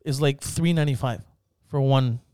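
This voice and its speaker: A man's voice: medium pitch, moderate pace, clean tone, dry recording, studio quality. Joking, swearing podcast host, a man. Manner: joking, swears often, animated. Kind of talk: casual chat.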